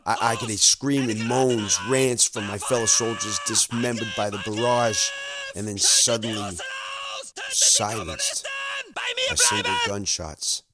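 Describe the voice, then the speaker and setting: A man's voice: medium pitch, huge pitch swings, heavy background noise. A man playing a young soldier, telling his war memories in the first person, earnest and stammering. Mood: haunted. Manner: earnest, halting with stammered repeats. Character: young male soldier recalling war, haunted. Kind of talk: first-person dramatic story narration.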